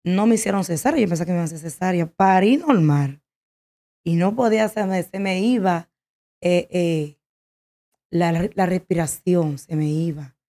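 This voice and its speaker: Emotional woman giving a halting testimony. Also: on the low side, warm tone. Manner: halting, emotional, with many restarts. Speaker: guest sharing a testimony.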